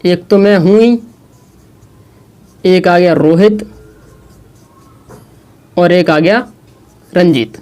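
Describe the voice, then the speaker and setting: A man's voice: high-pitched, warm tone. Man teaching, quizzing and answering himself. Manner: asks questions and answers them himself; slow, repetitive explaining. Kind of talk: classroom lesson at a board.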